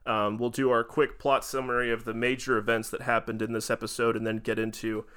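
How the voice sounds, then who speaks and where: A man's voice: medium pitch, little pitch movement, fairly quick, a bit bright, clear, resonant tone. A man hosting a podcast in casual chat, speaking fluently as he welcomes guests and steers the conversation. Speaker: podcast host.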